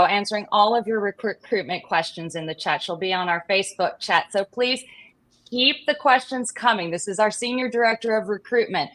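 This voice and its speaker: A woman's voice: a little high, bright, forceful tone. A woman hosting a live stream, upbeat and welcoming as she greets viewers and guests. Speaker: host.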